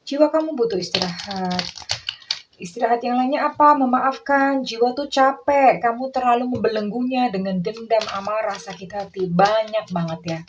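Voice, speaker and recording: A woman giving a tarot reading who calls herself Bunda and calls the listener darling, guiding a relaxation exercise in a soft, coaxing way that repeats words. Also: fairly high pitch, moderate pace, dull audio, background noise. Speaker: tarot reader.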